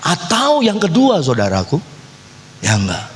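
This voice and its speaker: A male pastor preaching a lively sermon in a church, acting out quoted voices and teasing the congregation. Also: fairly high pitch, measured pace, noisy background. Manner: animated, acts out quoted voices, teases the congregation. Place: church hall. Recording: echoey church hall.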